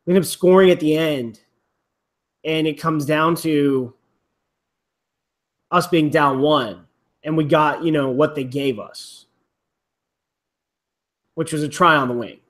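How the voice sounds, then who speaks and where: A man's voice: fairly high pitch, takes it slowly, long pauses, fairly bright tone. A man hosting a casual chat, rambling with restarts and the odd swear. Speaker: rugby podcast host.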